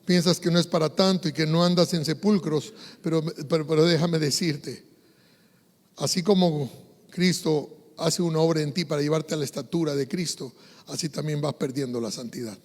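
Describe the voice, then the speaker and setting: A male pastor with an Ecuadorian Spanish accent delivers a sermon in a high voice. He drops to a hush and then rises into fervent, loud preaching. The sound carries the long reverb of a large church hall. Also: fairly even intonation, normal speed. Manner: swings from hushed to loud, preaching fervor.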